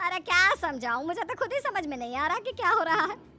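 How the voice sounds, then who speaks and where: A bossy, jealous old mother-in-law in a cartoon. She scolds in a high, bright, cutting voice. She sounds used to ruling the house. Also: sing-song, brisk, a little hiss or hum, heavily acted. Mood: scolding. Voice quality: scolding, domineering. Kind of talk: cartoon voice acting.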